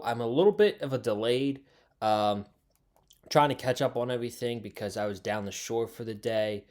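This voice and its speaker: An American man hosting a casual, opinionated review vlog, speaking emphatically and repeating his points for stress. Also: mid-range voice. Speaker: host of a wrestling review channel.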